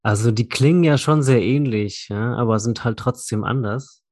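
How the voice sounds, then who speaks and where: A native German-speaking woman chats casually as an interviewer and conversation partner in a relaxed bilingual exchange. Her voice rumbles low with a darkish tone, and she talks at a normal speed.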